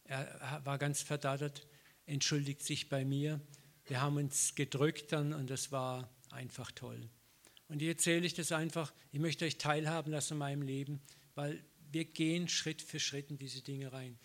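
A man's voice: a little high, moderate pace. A middle-aged man preaching a sermon, telling personal stories with acted-out dialogue and frequent laughter. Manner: lively storytelling, acts out dialogue, laughs often.

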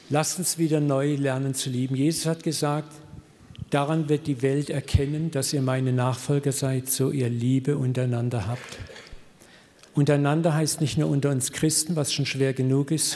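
A middle-aged man preaching a sermon, telling a story in a lively way and translating English quotes into German. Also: mid-range voice, normal speed, long reverb tail. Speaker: pastor.

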